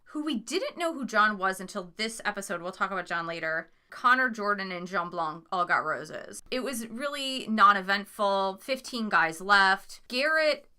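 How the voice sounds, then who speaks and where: A woman's voice: medium pitch, animated, moderate pace, hardly any pauses, pushed and bright, clean tone. A woman co-hosting a podcast, chatting casually and laughing often as she recaps a reality show. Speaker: podcast co-host.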